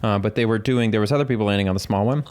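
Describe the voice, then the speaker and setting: A man's voice: fairly low pitch, rapid-fire, darkish tone. A man co-hosting a casual podcast, telling stories in a rambling, self-interrupting way. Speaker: podcast co-host.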